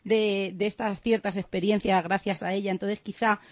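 A woman hosting a radio interview, asking gentle, leading questions that often end in "right?". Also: medium pitch, fairly even intonation, normal speed, no echo, dull audio. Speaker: radio host.

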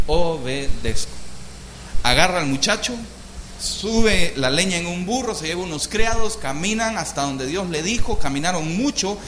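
High-voiced preacher in a roomy hall. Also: male voice, slight background noise. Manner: lively storytelling, keeps calling the congregation "hermano". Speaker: pastor. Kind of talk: sermon.

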